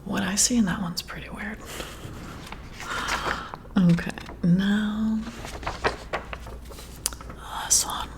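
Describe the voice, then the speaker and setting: Against some background noise, a woman with a steady, mid-range voice whispers close to the mic in an ASMR roleplay. She plays a boss who is flirty and intrigued while giving a personality test, her breathy whispers slow, admiring, and softly hesitant.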